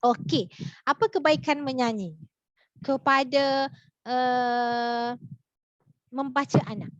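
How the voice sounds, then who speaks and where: A woman's voice: sits high, slow, no room sound, dull audio. A woman with a Malaysian accent, a reading teacher running a live online class, chatty, full of fillers, and often putting questions to her viewers.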